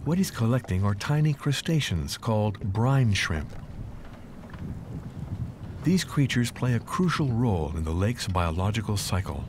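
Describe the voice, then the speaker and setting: A man's voice: on the low side, sing-song, unhurried, noisy background. A man delivering scripted narration for a nature documentary. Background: prominent background music.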